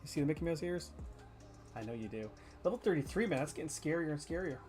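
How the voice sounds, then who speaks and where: Brief: male streamer, slightly high voice, loose jokey banter, drops the odd swear. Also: lively intonation, fast, darkish tone, faint music behind. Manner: chatty and joking, answers chat, swears casually. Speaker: gaming streamer. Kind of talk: casual live gameplay chatter.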